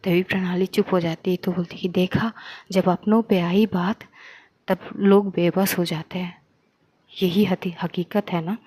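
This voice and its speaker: A woman's voice: fairly low pitch, fairly even intonation, a little slow, warm tone, husky, no room sound. A woman casually retelling a romance story episode, acting out the dialogue with feeling as she goes. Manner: retells the plot loosely, voices the lines with feeling. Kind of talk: casual spoken story narration.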